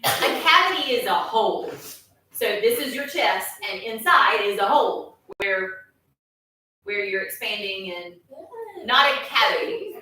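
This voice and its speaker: A woman teaching a class of children, playful and coaxing as she leads warm-ups. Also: mid-range voice, lively intonation, measured pace, slight background noise. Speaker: music teacher. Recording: echoey classroom from far off.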